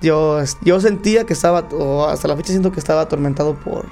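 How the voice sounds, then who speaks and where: A man's voice: a little high, fast talker, creaky, faint music behind. A man with a Mexican accent, a podcast guest telling stories in slangy casual chat. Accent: Mexican Spanish. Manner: slangy, animated storytelling.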